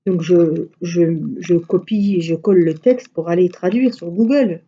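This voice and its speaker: A middle-aged woman hosts a casual live stream in a very dark, soft-edged voice with a husky grain. She talks in a chatty, rambling way, moving through little anecdotes. The sound is dull and slightly muffled. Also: fairly low pitch, a little slow. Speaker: craft live-stream host.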